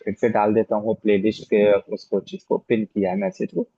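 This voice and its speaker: A man's voice: lowish voice, fairly even intonation, fairly quick, dark tone, breathy edge, no room sound, lo-fi sound. A man teaching a spiritual class, answering students' questions in a patient, explanatory way and often checking in with "isn't it?". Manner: patient, explanatory, repeats key points with rhetorical "है ना?". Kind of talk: Q&A after a scripture lecture.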